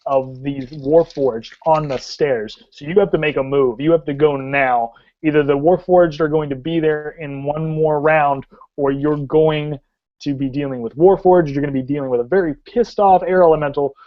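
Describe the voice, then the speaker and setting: A man narrating a tabletop game as game master, describing the action in a halting way with many restarts. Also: a little high. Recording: dull lo-fi audio.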